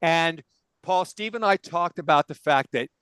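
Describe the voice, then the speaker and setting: A man's voice: on the high side, normal speed, fairly bright tone, clean tone, no echo, rough recording. A man hosting a casual music debate show, opinionated and enthusiastic as he tells stories. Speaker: podcast host. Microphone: on camera, video call.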